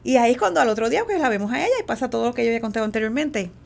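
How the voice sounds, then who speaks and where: Creaky-voiced woman telling a family story. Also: fairly high pitch, lively intonation, very fast, a little mellow. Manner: acts out quoted dialogue, many fillers. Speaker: interview guest. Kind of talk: personal storytelling in conversation.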